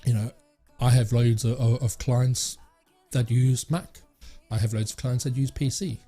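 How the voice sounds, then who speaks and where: A man's voice: medium pitch, level tone, unhurried, warm tone, slightly rough, faint music behind. A man hosting a tech channel, talking casually to camera and rambling with many fillers and restarts.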